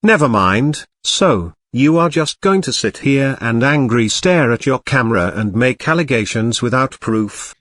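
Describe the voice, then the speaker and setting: A man giving scripted reaction commentary in a dry, sarcastic, measured way. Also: mid-range voice, expressive, fairly bright tone, dry recording. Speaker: commentary channel host.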